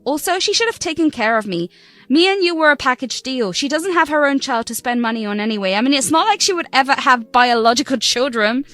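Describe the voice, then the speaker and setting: Taking on the role of a spoiled young bride, a woman lashes out at those who brought her up, scornful and sharp, with big pitch swings in a somewhat high voice. The delivery is brisk, the recording has no echo, and faint soft music runs beneath.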